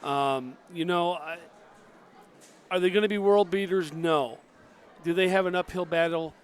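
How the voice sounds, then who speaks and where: A fairly high-voiced man calls a local girls' basketball game. He talks like a fan in the booth, telling the players to push the ball and stop the girl with the ball. His voice sits a bit above most men's. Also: a little slow, smooth. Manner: partisan, coaching the players from the booth. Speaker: color commentator.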